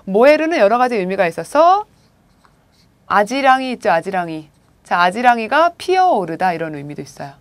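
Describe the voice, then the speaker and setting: A woman's voice: medium pitch, big pitch swings, normal speed, no echo. A woman teaching a recorded video lecture on vocabulary, guiding students with frequent prompts and rhetorical questions. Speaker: Japanese language teacher.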